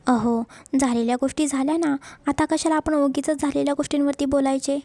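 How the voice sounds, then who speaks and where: Bashful young wife, voiced by a woman, gentle scolding, high mellow tone, dry recording. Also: steady tone, a little fast, no echo. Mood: loving. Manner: coaxing, mildly scolding.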